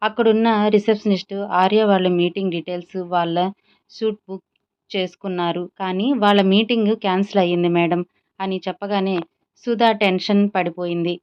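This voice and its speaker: Woman storyteller, scripted narration, smooth tone; lo-fi sound. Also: medium pitch, steady tone, brisk.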